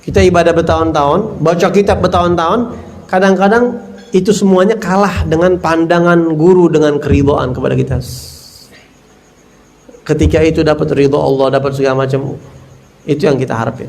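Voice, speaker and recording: A man's voice: fairly high pitch, steady tone, brisk, creaky, long pauses, a little mellow, slight background noise. A male religious teacher giving a talk, telling personal stories from his student days in a casual, heartfelt way. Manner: casual, heartfelt, acts out scenes and recites verses.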